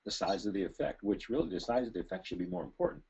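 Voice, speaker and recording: A man speaking as a thesis committee reviewer in an academic discussion, halting and often restarting his sentences. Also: medium pitch, big pitch swings, vocal fry, mellow, husky. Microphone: remote call. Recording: dull, muffled lo-fi call audio.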